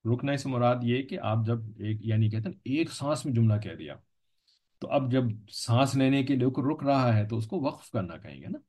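A man's voice: medium pitch, animated, moderate pace, warm tone. A man teaching a religious lesson in an explanatory lecture style, patiently repeating points and checking that listeners follow. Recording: dull lo-fi recording.

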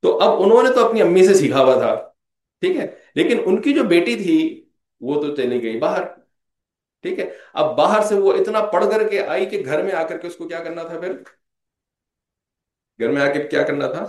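A man's voice: high voice, animated, normal speed, darkish tone. A man delivers an Islamic lecture in a slightly raised voice. He talks conversationally, slips English phrases in, and keeps checking in with his audience. The room is echoey. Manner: conversational, repeats "theek hai" as a check-in; mixes English phrases into speech. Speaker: religious lecturer.

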